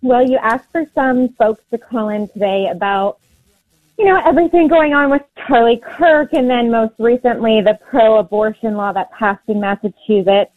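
A woman's voice: on the high side, normal speed, no echo. Woman caller, earnest, impassioned, tinny phone line, dry sound. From Maine, USA. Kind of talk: call-in radio.

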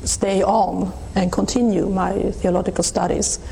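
A middle-aged Swedish woman, interviewed as a guest, gives a reflective personal testimony, recalling her past thoughtfully and unhurriedly with soft laughs and frequent restarts. Her ordinary-pitched voice is warm, mellow, steady and creaky, with a Swedish accent. The recording is low quality, with a faint hiss underneath.

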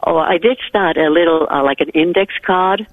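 A woman's voice: on the low side, moderate pace, dry recording. A woman from Finland with a Finnish accent, calling in to a radio show and speaking earnestly about her faith over the phone. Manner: earnest, devout. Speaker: caller. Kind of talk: call-in radio chat. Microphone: telephone. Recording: tinny phone line.

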